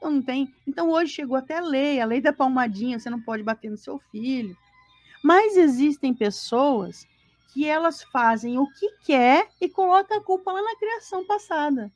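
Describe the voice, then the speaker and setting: With soft music in the background and a dry recording, a Brazilian woman with a high, animated voice speaks at normal speed, co-hosting a spiritist gospel study live from home. Her teaching is conversational: rhetorical questions to listeners, acted-out everyday scenes and voices, and sighs of dismay.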